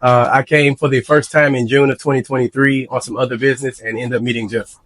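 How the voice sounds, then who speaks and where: A man's voice: mid-range voice, little pitch movement, fast, a bit bright, dry recording. A man from Louisiana, a banking executive and bar owner, telling his story in a casual interview. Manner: storytelling, laughs lightly while telling.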